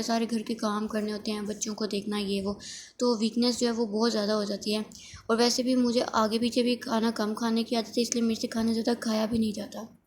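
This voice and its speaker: A woman's voice: on the high side, darkish tone, slight background noise. A woman, a mother, talking in a plain, matter-of-fact way in a home vlog. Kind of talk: casual vlog narration.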